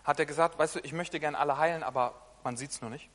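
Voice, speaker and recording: Man preaching, high voice, bright tone, chatty sermon, quiet asides and loud bursts, long hall reverb. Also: fast. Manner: conversational, often asks listeners "weißt du?" and "ne?"; shifts between soft asides and loud emphatic bursts.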